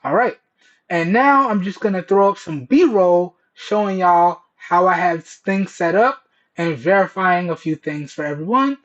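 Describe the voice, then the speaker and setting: A man's voice: sits high, expressive, unhurried, fairly bright tone. A man presenting a casual, colloquial product test to camera, often checking in with listeners, heard through Bluetooth earbud microphones. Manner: colloquial, repeatedly checks in with "okay" and "all right". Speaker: tech reviewer, video host. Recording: dull Bluetooth earbud headset mic.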